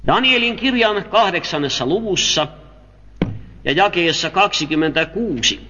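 A man teaching a sermon, reading scripture aloud and explaining it in a measured way. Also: high-pitched, animated, bright, forceful tone, a little hiss or hum. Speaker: preacher. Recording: dull lo-fi audio with long hall reverb.

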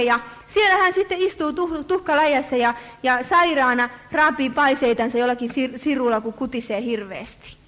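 High-voiced woman preaching in a reverberant hall. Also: fairly bright tone. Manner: earnest, addresses listeners as friends, slows for emphasis. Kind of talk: sermon.

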